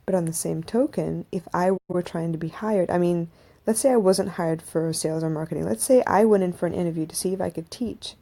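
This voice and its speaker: Streaming live from her phone, a woman in her thirties hosts a podcast and speaks to her audience in an easygoing, reflective way, restarting and wandering into asides. She sounds low and mellow, brisk and creaky.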